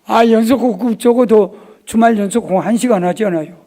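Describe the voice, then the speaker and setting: A man preaching a revival sermon in a church, dropping to hushed asides and rising to loud exclamations. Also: high voice, a little fast. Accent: Korean. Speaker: pastor. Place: church sanctuary.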